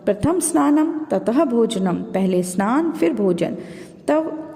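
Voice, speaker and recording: A fairly high-pitched woman teacher, her tone mellow and dark, runs through revision exercises for her pupils. She poses questions and answers them herself, addressing the class as children. Her voice trails in a long reverb. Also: expressive, takes it slowly. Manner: explains step by step, asks and answers her own questions; calls listeners children. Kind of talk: exam revision lesson.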